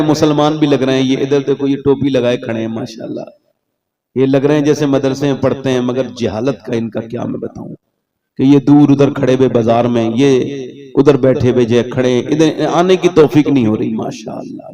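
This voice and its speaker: A man preacher giving a religious sermon at an outdoor gathering, animated and asking the audience rhetorical questions over a microphone. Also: mid-range voice, normal speed. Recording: loud crowd at an outdoor gathering.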